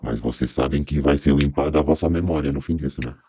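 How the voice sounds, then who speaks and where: A man's voice: fast talker, mellow, no room sound, clean studio sound. A man speaking through a voice changer, a joking, laid-back podcast guest chatting casually. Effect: voice changer, distorted very deep and gravelly. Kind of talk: casual chat.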